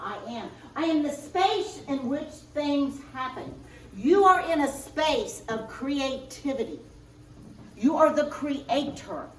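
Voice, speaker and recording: A woman minister preaching a sermon, speaking in slow, emphatic spiritual affirmations, recorded in a church sanctuary. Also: high-pitched, a little hiss or hum. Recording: roomy distant church recording.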